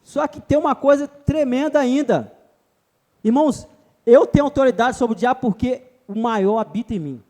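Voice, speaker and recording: A man's voice: very high voice, moderate pace, darkish tone. A man with a Brazilian Portuguese accent preaching a sermon at a church retreat, emphatic, repeatedly calling his listeners brother.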